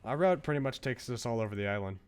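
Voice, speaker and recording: Over background game music, a man streaming a visual novel reads the text expressively and breaks off for casual comments. He's a fast, animated talker with a mid-range voice and a clean tone.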